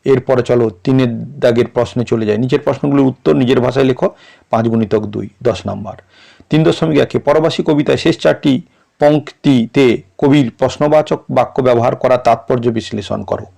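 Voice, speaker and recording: A male tutor with a gravelly, creaky voice. He reads model answers aloud and breaks words into syllables in a measured, teacherly way. His pitch sits in an ordinary middle range. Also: mellow. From West Bengal. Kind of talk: reading out and explaining exam answers.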